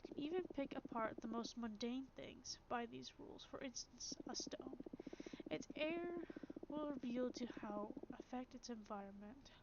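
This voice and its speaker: A woman's voice: on the high side, normal speed, heavy background noise. Lo-fi streamer woman reading a game. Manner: animated, giggly reactions. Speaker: streamer playing a narrative game. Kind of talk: game narration and live commentary. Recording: dull lo-fi stream audio with game music.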